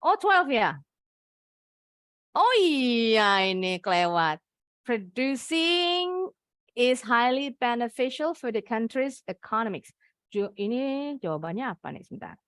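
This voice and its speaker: Lively Indonesian woman teacher, slow and patient. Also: fairly high pitch, no room sound. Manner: patient, explains slowly, praises students. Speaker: English teacher. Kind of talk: online class teaching.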